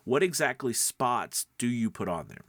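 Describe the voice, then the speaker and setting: Speaking at a normal speed in a mid-range, very animated voice, this congested-sounding man teaches informally to camera as a voice-over coach and podcast host. His tone is fairly bright, the recording is dry, and he stresses points emphatically while often checking in with the listener.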